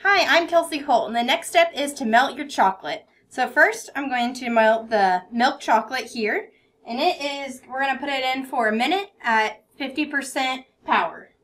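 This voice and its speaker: A woman's voice: high-pitched, moderate pace, fairly bright tone. A young woman gives simple instructions during a cooking demonstration in a kitchen. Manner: simple instructions while working. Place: home-style kitchen.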